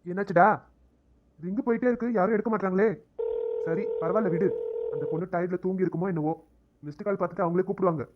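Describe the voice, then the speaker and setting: A man gives voice to young cartoon doctors who trade chummy, brisk banter. The voice sits high for a man and moves fast. It comes through a dull, lo-fi recording. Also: noisy background, lightly acted. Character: young male doctors, the hero and his friend. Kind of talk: cartoon drama dialogue.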